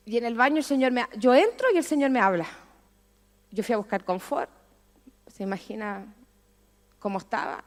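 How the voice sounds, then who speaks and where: High-voiced Chilean woman preaching. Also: big-room sound. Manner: emotional storytelling, asks the congregation questions. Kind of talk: sermon testimony.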